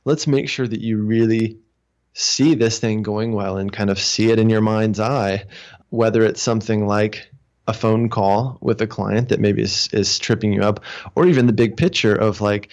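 A man who coaches therapists on their practices, speaking calmly and reflectively in an interview, often restarting his sentences. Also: fairly low pitch, moderate pace. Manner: calm, reflective, with frequent restarts and fillers. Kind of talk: casual interview talk.

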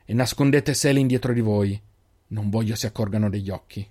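A man voicing an old male keeper who leads the group, calm and commanding. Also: fairly low pitch, fairly quick, natural voice. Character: old male keeper, steady caring leader.

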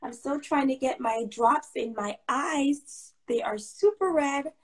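A woman's voice: high-pitched, measured pace, poor audio. A woman from Jamaica, chatting as an interview guest on a livestream and talking with many "um"s and restarts. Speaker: guest, blogger and author. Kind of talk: casual interview chat. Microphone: livestream call.

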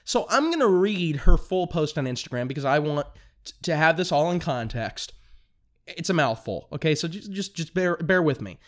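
A young man hosting a political commentary podcast, talking fast and excitably, tripping over his words and restarting sentences. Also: fairly high pitch. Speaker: podcast host.

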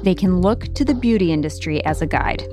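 Woman hosting a podcast over clear music. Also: lowish voice, animated, a little fast. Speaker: podcast host. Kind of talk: scripted podcast narration.

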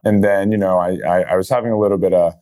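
A young man from Brazil, a startup founder, telling his story in a relaxed interview with many fillers. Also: sits low, fast talker. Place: outdoor event venue.

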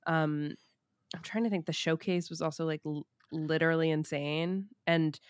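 A woman with a lowish voice chats in a relaxed podcast conversation. She talks with excitement and laughs easily. The recording is dry and close. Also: moderate pace, smooth, no echo. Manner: excited, chatty, laughs often. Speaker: podcast host. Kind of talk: casual chat.

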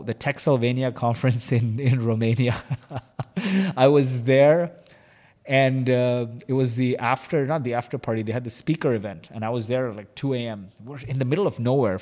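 A man who is a company co-founder, a guest in an interview, telling a candid personal story in an animated way with lots of "like" and "you know". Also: medium pitch, normal speed. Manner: animated, confessional, heavy use of "like" and "you know". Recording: long hall reverb.

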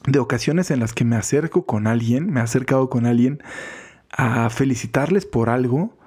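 A priest with a Mexican accent giving a chatty, informal reflection on the gospel, often laughing and acting out what people say. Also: male voice, medium pitch, normal speed, a little mellow, breathy edge. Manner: chatty, laughs often, acts out quoted voices. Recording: podcast voice recording.

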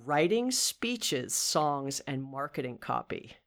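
A woman's voice: a bass voice, sing-song, slow pace. A woman in her fifties hosting a podcast interview, upbeat and chatty, often saying "you know" and restarting her sentences. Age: 50s. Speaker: podcast host.

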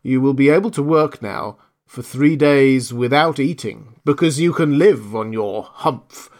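A man voicing a magical desert djinn in a storybook reading, speaking slowly and emphatically with stern authority. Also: mid-range voice, a little mellow, lightly acted.

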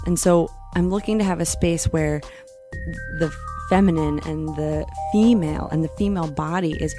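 A woman podcast host giving an earnest spoken introduction in a deliberate, measured, reflective way. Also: deep voice, music in the background.

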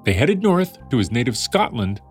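A man's voice: medium pitch, big pitch swings, normal speed, faint music behind. A man narrating a scripted story in a conversational way, with wry asides to the listener. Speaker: podcast narrator.

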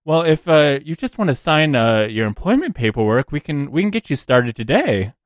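A man voicing a smiling, pushy female corporate recruiter who flatters everyone she meets. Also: fairly high pitch, moderate pace, no echo, clean studio sound, voice pushed up. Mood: gushing. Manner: gushing, flattering sales talk.

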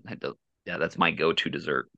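A man's voice: very deep voice, brisk, no room sound, dull audio. A man from Oklahoma telling a childhood story as a coaching guest, hesitant and full of fillers. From Oklahoma, USA. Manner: hesitant, many fillers and restarts, soft-spoken. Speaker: coaching client and podcast guest. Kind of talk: casual personal storytelling.

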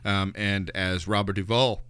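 A man's voice: low voice, fairly even intonation, unhurried, fairly bright tone, clear, resonant tone. A young adult man hosting a podcast, chatting easily with his father about a film. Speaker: podcast host. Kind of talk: casual chat.

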